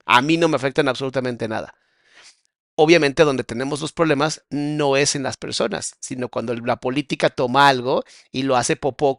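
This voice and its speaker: Mexican guy psychologist reacting to a clip, gravelly, dry room sound, preachy. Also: fairly high pitch, fairly bright tone, no room sound. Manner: explains and points things out, turns preachy and emphatic. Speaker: psychologist host. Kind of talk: reaction commentary.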